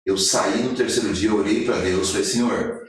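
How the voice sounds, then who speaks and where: A man in his forties, a podcast guest and motivational speaker, telling his life story in an animated way and acting out the quoted lines. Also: on the low side, moderate pace, very echoey, distant mic, a little hiss or hum. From Brazil. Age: 40s.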